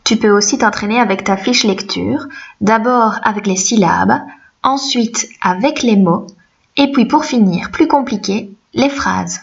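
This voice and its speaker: Gentle French woman teaching children to read. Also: mid-range voice, creaky, lo-fi sound. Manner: slow, gentle, encouraging. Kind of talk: reading lesson for young children.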